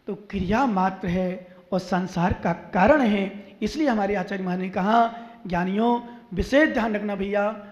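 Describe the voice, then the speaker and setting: A man preaching a sermon as a Jain monk, telling stories with emphasis, going from slow and low to loud, drawn-out high lines. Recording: echoey hall with long reverb.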